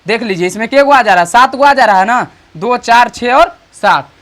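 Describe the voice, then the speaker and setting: An online teacher, explaining grammar slowly and repeatedly checking understanding with rhetorical questions. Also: medium pitch, animated, fairly bright tone. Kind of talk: grammar lesson.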